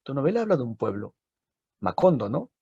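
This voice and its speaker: A man's voice: mid-range voice, big pitch swings, brisk, gravelly, darkish tone, husky, no room sound, exaggerated voice. A man doing a curt, dismissive publisher. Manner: curt, brushing off. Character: dismissive male book publisher, brusque. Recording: dull lo-fi recording.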